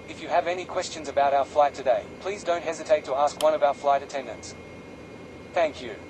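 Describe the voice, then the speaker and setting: A man reading scripted cabin safety announcements as a flight attendant, formal and measured. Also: fairly high pitch, noisy background.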